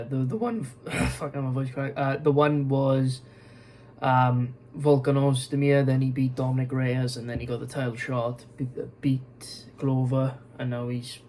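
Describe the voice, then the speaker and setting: His voice is medium-pitched and mellow, heard on a low-quality recording with a bit of hiss or hum. The young man hosts an MMA news vlog, talking casually and yawning, rambling through fillers, restarts and lots of swearing.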